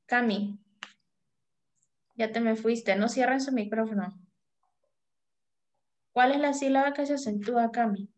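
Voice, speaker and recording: A woman's voice: on the high side, a little mellow. Patient woman teacher on a video call. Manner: patient, calls on pupils by name, drills syllables slowly. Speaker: primary school teacher. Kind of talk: online class over video call. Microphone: video call microphone.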